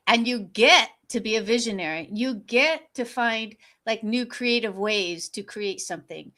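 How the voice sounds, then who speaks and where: A woman's voice: on the high side, lively intonation, a little slow, pushed and bright. A woman speaking as a guest coach in a conversational, motivational style. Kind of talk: conversational motivational panel talk.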